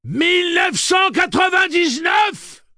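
Reader doing a brash young man yelling through a door, high and strained. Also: very animated, measured pace, no echo, studio quality, exaggerated voice. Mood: shouting. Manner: shouting, raised and strained. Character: defiant quick-witted young man.

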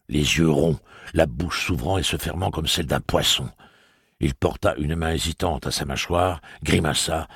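A man narrating an audiobook with an expressive, dramatic reading. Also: rumbling low, creaky, breathy edge, no echo, clean studio sound. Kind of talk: scripted narration.

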